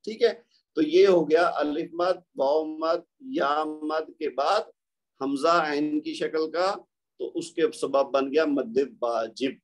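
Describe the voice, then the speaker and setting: A man's voice: on the high side, a little slow. Patient man teaching recitation rules. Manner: patient, explanatory, asks and answers his own questions. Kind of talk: tajweed lesson.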